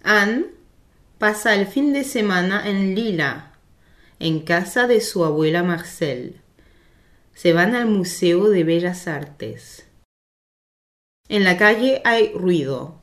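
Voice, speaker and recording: A woman narrating a children's storybook in a slow, clear and measured way. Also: on the low side.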